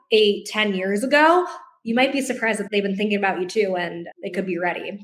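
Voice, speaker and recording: Female podcast co-host, mid-pitched, conversational and encouraging instructor, echoey room. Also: fairly bright tone. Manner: encouraging, directly addressing listeners. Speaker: co-host of a real estate business training podcast.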